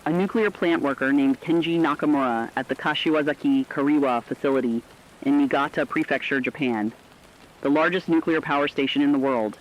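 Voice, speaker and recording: A man plays a solemn radio presenter, reading scripted dispatches in an earnest, reflective storytelling manner as dramatic radio narration. His voice is on the high side, fairly quick and lightly acted, with a dull, band-limited radio sound.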